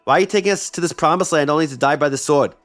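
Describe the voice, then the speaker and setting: A man's voice: fairly high pitch, very fast, fairly bright tone, close to an everyday voice. A man voicing the complaining ancient Israelites in a melodramatic, kvetching New York accent. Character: whiny dramatic complaining Israelite crowd.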